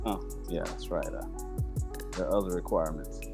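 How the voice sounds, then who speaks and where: A man hosting a Bible study show, talking in a relaxed, conversational way and speaking to his listeners as "y'all.". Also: low-pitched, brisk, soft background music. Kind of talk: casual Bible study discussion.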